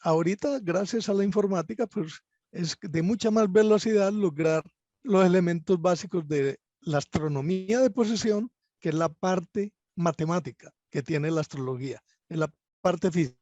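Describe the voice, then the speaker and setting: A Colombian man with a high-pitched voice explains his subject in a measured, lecturing way, now and then stumbling over a restart. The sound is dull and muffled, with a very dry, close feel. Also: a little mellow, no room sound. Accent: Colombian Spanish. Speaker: astrologer guest. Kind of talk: explanatory interview answers.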